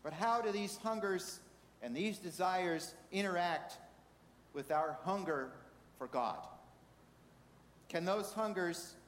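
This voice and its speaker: A man preaching a sermon in a measured way, asking the congregation rhetorical questions. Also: sits high, a bit bright, a little hiss or hum. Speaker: pastor. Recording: reverberant hall with faint ambience.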